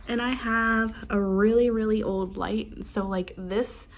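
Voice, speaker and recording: A woman in her thirties giving a casual, rambling tutorial at home, chatty and quick to laugh. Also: medium pitch, steady tone. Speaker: content creator teaching lighting. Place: home room set. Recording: echoey room, distant mic, faint hiss.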